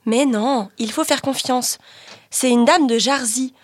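A man's voice: extremely high pitch, a little slow, dry recording, studio quality, pitched above the performer's own voice. A man voicing a cheerful, helpful young girl, the granddaughter in a read-aloud story, sounding upbeat and reassuring.

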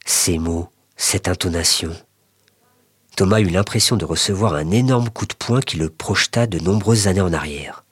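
Deep, husky man reading a story. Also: no echo. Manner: expressive, measured narration.

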